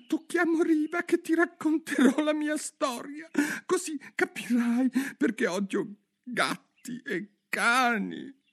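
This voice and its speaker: A man reading a storybook aloud, voicing a touchy, easily offended little mouse with a shrill, squeaky voice. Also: takes it slowly, a bit bright, heavily acted. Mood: indignant.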